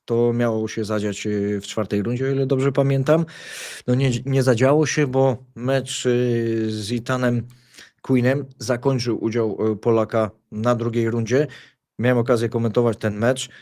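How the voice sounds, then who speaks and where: A male tennis commentator chatting casually about matches. His voice sits at an ordinary middle pitch. He rambles, restarting his sentences and filling pauses with hesitations. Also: fairly even intonation, darkish tone. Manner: rambling storyteller, many fillers and restarts. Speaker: tennis commentator and show host. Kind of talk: casual sports chat.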